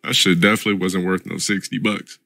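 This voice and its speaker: Man, game streamer, lowish pitch, bright forceful tone, dry close sound, blunt, profane slang. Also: little pitch movement, fast talker, creaky, no room sound, faint music behind. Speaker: video game livestreamer. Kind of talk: casual livestream chat with heavy profanity.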